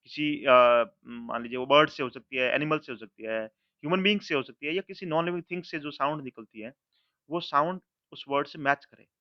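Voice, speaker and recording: A man, a Hindi-speaking English professor with an Indian accent, lecturing students, reading example lines slowly and imitating their sounds aloud. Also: fairly high pitch, no room sound, lo-fi sound. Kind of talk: recorded college lecture.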